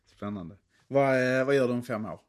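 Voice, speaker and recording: A male interviewer asking casual questions, hesitant and searching for his words. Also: medium pitch.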